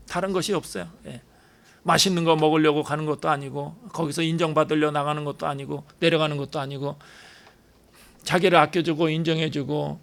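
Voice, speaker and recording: Male pastor, emphatic sermon delivery, rhetorical questions, slightly high voice. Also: creaky, fairly bright tone.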